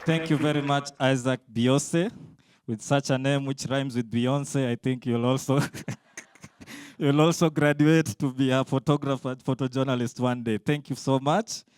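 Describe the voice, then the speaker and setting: A master of ceremonies with a smooth, resonant voice introduces the next speaker. His delivery is slow and measured, with a light touch of humor, and the sound is close and dry. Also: medium pitch, steady tone, darkish tone, no echo. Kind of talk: ceremony hosting.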